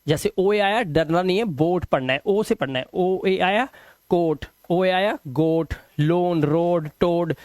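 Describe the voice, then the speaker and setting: Man, Hindi accent, high voice, pronunciation lesson, reassuring, stretches out example words. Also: a little mellow, dry recording, clean studio sound. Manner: reassuring, repeats examples slowly and drawn out. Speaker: English pronunciation teacher. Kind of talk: classroom lesson explaining rules.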